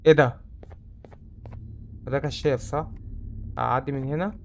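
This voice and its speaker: A man's voice: mid-range voice, steady tone, measured pace, creaky, slight background noise. A young man with an Egyptian Arabic accent, chattering through a horror game and saying he is scared. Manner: chatty, jumpy, easily spooked. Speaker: gamer. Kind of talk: let's-play commentary.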